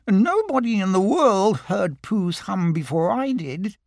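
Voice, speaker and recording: A man voicing a small, timid, anxious piglet in a storybook, hesitant, wistful and squeaky. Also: sing-song, unhurried, vocal fry, no room sound, clean studio sound, exaggerated voice. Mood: wistful, pondering. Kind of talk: storybook character voice.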